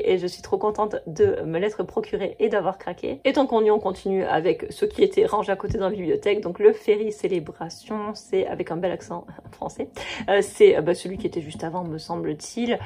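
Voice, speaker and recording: A woman in her thirties talks casually to her camera in a mellow, slightly husky voice. She gushes freely about what she loves, filling her talk with fillers and small restarts. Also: medium pitch. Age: 30s. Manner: chatty, gushing, many fillers and restarts. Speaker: coloring book vlogger. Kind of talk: casual chat.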